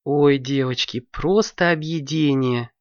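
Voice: mid-range voice, slow pace, no echo, dull audio, voice pushed up, natural voice. Snezhka, a reader doing a shy girl. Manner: soft, timid. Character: shy, gentle young girl wizard.

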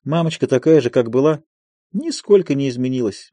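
A man's voice: medium pitch, expressive, a little fast, dark tone, no room sound, pitched above the performer's own voice, lightly acted. A man voicing a pious, tearful young woman who fusses earnestly, in an audiobook of a play.

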